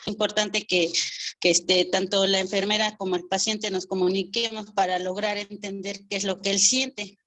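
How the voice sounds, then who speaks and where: A woman's voice: medium pitch, level tone, moderate pace, a bit bright. A woman, a student answering in an online class, hesitant and searching for words with many fillers.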